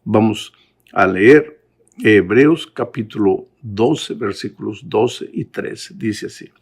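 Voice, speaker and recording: Gravelly-voiced man preaching with passion. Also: on the low side, slow pace. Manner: impassioned preaching, rising to emphatic peaks. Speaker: pastor. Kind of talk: sermon-style Bible lesson. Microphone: close mic, recorded for a lesson.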